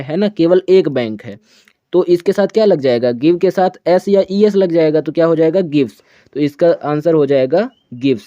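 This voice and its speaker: A man teaching a grammar lesson in a mellow, slightly high voice. He keeps posing questions and answering them himself, and reads each example sentence slowly. The recording is dry and a little dull and lo-fi. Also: dry recording.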